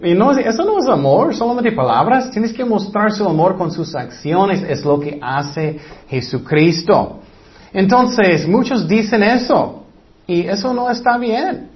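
A man delivers a Bible teaching with animated storytelling and now and then acts out the voices in his story. His voice sits a bit higher than most men's. The recording is dull and lo-fi. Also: unhurried. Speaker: preacher.

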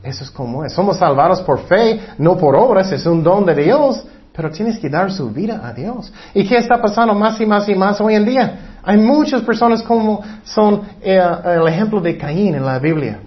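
A man preaching a sermon, firing rhetorical questions and answering them himself, and reading Bible verses slowly. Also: high-pitched, expressive. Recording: dull lo-fi recording.

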